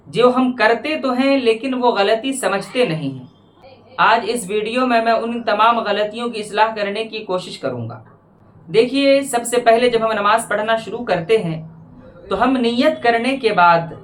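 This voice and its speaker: A man, a religious teacher, giving a measured lesson on prayer and slowly repeating phrases to correct pronunciation. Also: high-pitched, fairly bright tone, a little hiss or hum.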